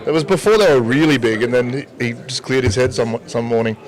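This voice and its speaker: A man's voice: mid-range voice, quick pace, poor audio. A man, hosting a casual chat. He jokes, laughs often and restarts his sentences. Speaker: livestream host interviewer.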